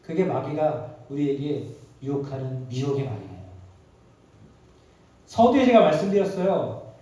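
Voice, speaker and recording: A male pastor preaching a sermon. He acts out the quoted voices dramatically and swings between loud and soft. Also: medium pitch, lively intonation, normal speed. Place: prayer retreat hall. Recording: very echoey hall, mic at a distance.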